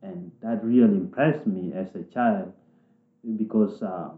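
A man from South Sudan, speaking in a thoughtful, halting way with restarts as he interviews people in a reflective conversation. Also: deep voice. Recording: echoey room, tinny phone-like sound.

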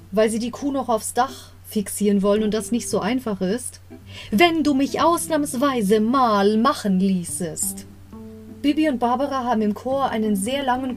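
A young woman with a higher, darkish voice reviews an audio drama episode on her podcast. Her retelling and commentary are casual and rambling, with side stories and corrections made mid-story, while guitar music plays faintly underneath.

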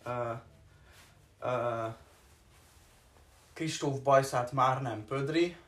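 A man's voice: mid-range voice, fairly bright tone. Young male co-host, playful rhyming banter, echoey room sound. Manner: joking, quick rhyming banter. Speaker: co-host of an internet radio show. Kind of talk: casual chat, improvised rhymes.

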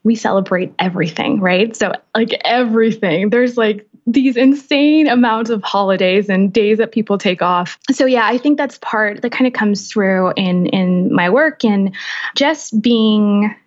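A woman's voice: mid-range voice, a little slow. Bubbly twenty-something woman from puerto rico, guest on a podcast, bit dull lo-fi sound. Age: 20s. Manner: bubbly, lively, laughs often. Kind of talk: podcast interview. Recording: dull lo-fi remote audio.

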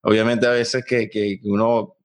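A man's voice: on the low side, flat delivery, unhurried. Male interviewer, reflective. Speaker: host. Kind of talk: casual interview talk.

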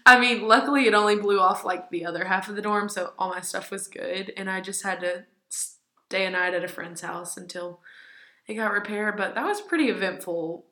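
A woman's voice: mid-range voice, moderate pace, sharp tone. A young woman co-hosting a podcast, telling stories in a chatty, giggly way full of fillers. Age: young adult. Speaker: podcast co-host. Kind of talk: casual chat. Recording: roomy echo.

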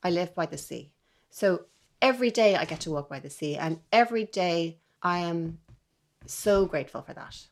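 A woman's voice: on the low side, lively intonation, moderate pace, vocal fry. A middle-aged woman, a violinist guest talking earnestly and reflectively in an interview, sometimes dropping to a near-whisper. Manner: earnest, wondering, trails into soft near-whispers.

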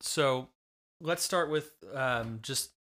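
A man's voice: medium pitch, slow, sharp tone. A man in his thirties or forties co-hosting a casual book discussion podcast, patiently steering the conversation and explaining things with plenty of fillers and restarts. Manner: patient, steers the talk back to the topic. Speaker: podcast co-host, father.

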